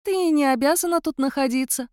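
A woman voicing a blunt, calm female cat-mouse guardian spirit in an audiobook, with an offhand, bossy manner. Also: high-pitched, a little fast, dry recording, clean studio sound, voice pushed up, lightly acted. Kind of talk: audiobook character voice.

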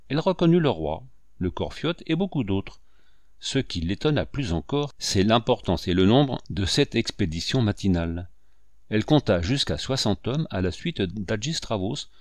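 A man narrating a classic novel in a lively, theatrical audiobook reading. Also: fairly low pitch, moderate pace, dry recording, studio quality. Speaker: audiobook reader. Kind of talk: expressive literary narration.

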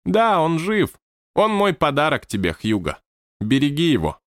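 A man's voice: fairly high pitch, wildly swooping pitch, moderate pace, dry recording, clean studio sound, pitched above the performer's own voice. A man voicing a haughty, imperious otherworldly male boss who gives commands. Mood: stern. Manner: haughty, impatient, theatrical.

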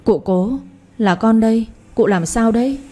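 A woman's voice: on the high side, measured pace, mellow. A woman voicing a young male servant crying out in panic. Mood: worried. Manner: frantic cries.

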